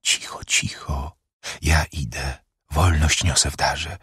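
Hushed, urgent rescuer in a storybook reading, a man with a very deep voice. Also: animated, a little slow, slight background noise. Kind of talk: audiobook reading of a verse drama.

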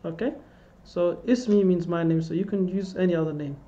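A man with a high voice talks fast in a dark tone, and the top end of the audio is cut off. He is an Arabic teacher giving an online language lesson from an indoor room, patiently repeating phrases for students to echo, picked up by a webcam on a video call.

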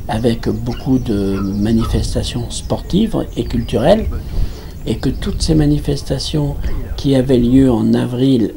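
A man in his sixties from France, a campsite manager giving an interview in a small office, speaking haltingly with many restarts and fillers. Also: medium pitch, vocal fry, mellow, slight background noise.

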